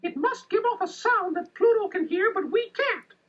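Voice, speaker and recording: A man voicing a plucky, cheerful cartoon mouse in a squeaky falsetto for a children's audio storybook, earnest and kindly. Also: lively intonation, moderate pace, fairly bright tone. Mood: curious, determined. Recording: dull lo-fi tape, music behind.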